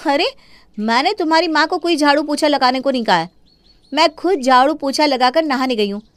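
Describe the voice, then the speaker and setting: A woman's voice: sits high, fairly quick, no echo, pitched above the performer's own voice, lightly acted. A woman voicing a defiant young daughter-in-law who talks back and mocks in a cartoon. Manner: mocking, talking back.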